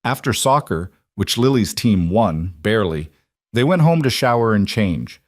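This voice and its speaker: A man reading a scripted story in a measured, even manner. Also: fairly low pitch, dry recording, studio quality. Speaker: narrator. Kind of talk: scripted narration.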